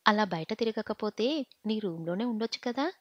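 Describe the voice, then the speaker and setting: A woman's voice: mid-range voice, lively intonation, normal speed, no echo, lightly acted. A woman voicing a stern but caring young husband who talks insistently and pleads at times. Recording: slightly muffled audio.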